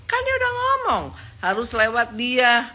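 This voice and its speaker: A woman's voice: huge pitch swings, a little slow, sharp tone. A woman chatting on a live stream, gossiping in a mocking tone and laughing often. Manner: mocking, laughs often, mimics others in a squeaky voice.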